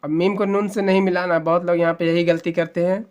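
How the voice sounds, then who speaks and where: The recording is lo-fi, but the man's high-pitched voice comes through clear and resonant, with a darkish tone and a flat delivery. As a Quran teacher, he spells letter by letter, patiently explaining reading rules, slowly sounding syllables and then stretching out the joined word.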